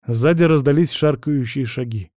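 A man narrating a first-person audiobook in a gruff, blunt, dramatic reading. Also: mid-range voice, normal speed, dark tone, no echo, studio quality.

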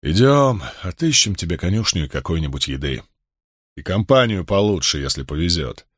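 A man's voice: deep voice, very animated, normal speed, no room sound. Man reading as a cool-headed stranger warrior. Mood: wry. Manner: dry, self-assured, curt. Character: brave calm stranger warrior, young man.

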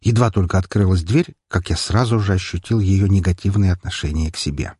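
A man reads a first-person audiobook in a measured, wry way. His voice sits low and husky, and the sound is dry and close to the mic. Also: a little mellow, dry recording. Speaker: audiobook narrator.

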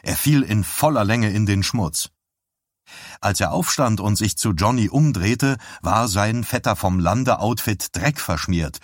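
Low-voiced man narrating an audiobook. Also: animated, measured pace, dry recording, studio quality.

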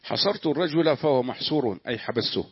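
A man reads passages of a classical commentary aloud to his teacher at a quick, steady clip. The recording is dull, lo-fi and dry. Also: medium pitch, husky, no echo. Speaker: student reading the text aloud. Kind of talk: reading classical text aloud.

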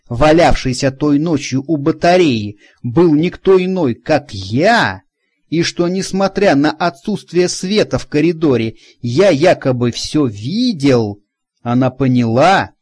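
A man narrating a first-person detective story in a calm, deliberate, ironic manner. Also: fairly high pitch. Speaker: audiobook narrator.

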